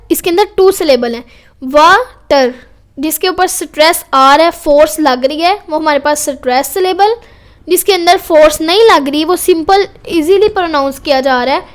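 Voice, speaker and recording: A woman lectures on poetry with a very high voice. She explains in a steady classroom manner and drops to a slow, careful pace whenever she reads out a definition. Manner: mixes Hindi explanation with slowly dictated English definitions. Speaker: teacher. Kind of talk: recorded literature lecture.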